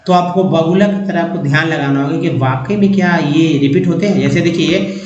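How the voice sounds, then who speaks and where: A man's voice: fairly high pitch, fairly quick, darkish tone, slight background noise. Guy doing a phonics lesson, repeats letter by letter, roomy lo-fi audio. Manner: repetitive, spells out letters then sounds. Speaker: English reading teacher. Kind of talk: phonics lesson, explaining word parts. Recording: echoey, dull lo-fi room sound.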